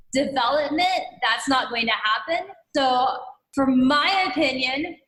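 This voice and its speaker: A woman cave explorer answering interview questions in an earnest, measured way. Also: on the high side, pushed and bright, reverberant, low-quality recording.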